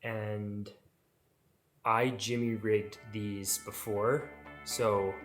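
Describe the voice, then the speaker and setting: A man's voice: on the low side, flat delivery, drawn-out words, a bit bright, faint music behind, low-quality recording. A man vlogging about his home makeover, explaining things in a casual, chatty way with informal asides to viewers.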